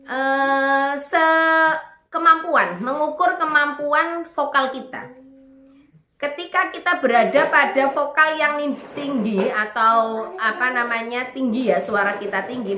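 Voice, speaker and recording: Bright-voiced woman teaching class. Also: sits high. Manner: explains step by step, checks understanding. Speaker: music teacher. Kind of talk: online class lesson. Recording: echoey room.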